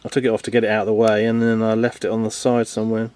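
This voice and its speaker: A man's voice: on the low side, monotone, rapid-fire, darkish tone, clear, resonant tone. A man, talking casually and rambling with many ums while filming a boat repair outdoors on a handheld camera. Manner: chatty, rambling, self-deprecating, lots of ums. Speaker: boat renovation vlogger. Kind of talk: casual how-to commentary. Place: outdoors in a garden workshop.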